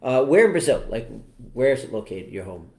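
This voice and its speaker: Fortyish priest host, easygoing and jokey, lots of uhs, middle voice, echoey room through a laptop mic. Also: male voice, mid-range voice, very animated, fairly quick, dark tone. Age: 40s. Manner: chatty, joking, with many "uh" fillers. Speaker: parish priest hosting. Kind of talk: casual parish livestream interview. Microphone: computer camera mic.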